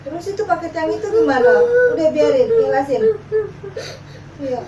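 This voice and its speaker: High-voiced woman in an echoey room. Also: animated, quick pace, mellow, highs cut off. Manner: sympathetic, sighing. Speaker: mother filming a family prank. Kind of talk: casual family chat. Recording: echoey room, distant mic, background noise.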